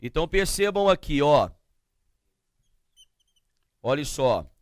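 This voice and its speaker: A middle-aged male teacher with a Brazilian accent lectures on grammar in a high, smooth, clear voice. He speaks slowly and emphatically, asking rhetorical questions and counting out letters one by one. The recording is dry and close, with no room sound. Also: very animated, no room sound. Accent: Brazilian Portuguese. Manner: asks the class questions and answers them himself.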